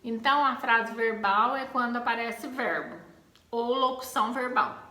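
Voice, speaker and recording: A woman with a Brazilian Portuguese accent teaching a grammar lesson, expressive and acting out exclamations to make her points. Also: a little high, moderate pace, roomy sound.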